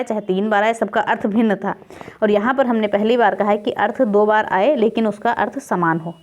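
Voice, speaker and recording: A woman with a fairly high voice teaches Hindi grammar for exam preparation. She keeps asking the class questions and then answering them herself. She reads out example lines slowly and stretches them out. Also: a little mellow. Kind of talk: exam-prep grammar lesson.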